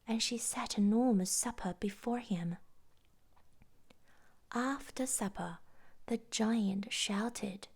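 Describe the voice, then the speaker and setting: A woman reading a bedtime fairytale aloud in a hushed, half-whispered storytelling voice. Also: a little high, breathy edge.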